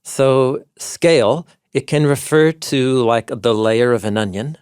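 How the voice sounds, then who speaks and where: A man's voice: medium pitch, takes it slowly, a little mellow, clean tone, no room sound, clean studio sound. A man co-hosting a podcast, explaining old texts and word meanings with scholarly enthusiasm. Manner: enthusiastic scholarly explaining, citing ancient sources. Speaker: podcast co-host, Bible teacher.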